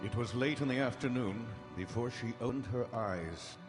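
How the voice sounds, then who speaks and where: A grave male doctor played by an actor recounts his journal with solemn, dramatic weight. The delivery is old-time radio horror, measured and anguished, in a reverberant hall. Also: medium pitch, over music, lightly acted. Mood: grave, horrified. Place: large hall stage before live audience. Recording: echoey hall, live stage broadcast.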